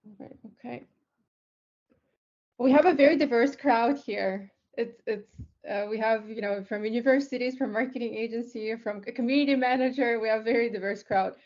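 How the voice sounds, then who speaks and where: A Lithuanian woman who co-founded a tech company gives a casual webinar presentation over a video call, with plenty of fillers and restarts. Her voice is slightly high and a little mellow at a moderate pace, and the online audio is a bit dull.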